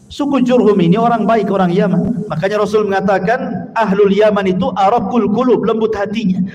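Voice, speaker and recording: A man's voice: sits high, fairly quick, darkish tone, lo-fi sound. A man preaching a sermon to a congregation, asking his listeners questions and reciting Arabic verses before explaining them. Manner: emphatic, rhetorical questions to listeners. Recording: long hall reverb, faint background noise.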